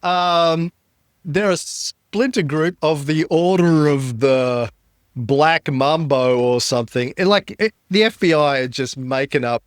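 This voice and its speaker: A man hosting a casual investing podcast, joking and quick to talk over his co-host. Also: on the high side, expressive, dry recording, studio quality. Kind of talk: casual chat.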